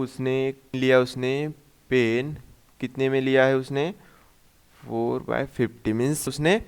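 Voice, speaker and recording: एक पुरुष गणित शिक्षक, मराठी लहजे वाली हिंदी में, हर कदम दोहराते हुए खुद सवाल पूछकर खुद जवाब देता है और अंग्रेज़ी गिनती मिलाता है।. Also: male voice, mid-range voice, clear, resonant tone. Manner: repeats steps, asks and answers himself; mixes English number words into Hindi. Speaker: math teacher. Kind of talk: classroom-style math lesson.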